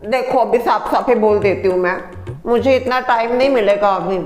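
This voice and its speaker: A man's voice: high-pitched, moderate pace, roomy sound, faint music behind, close to an everyday voice. A man playing a bragging housewife and daughter-in-law who chatters boastfully and repeats herself.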